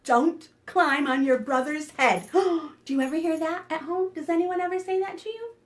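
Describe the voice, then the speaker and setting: A children's librarian hosts a preschool storytime, reading aloud expressively and drawing young listeners in with questions. Her voice is very high-pitched and her speed is normal.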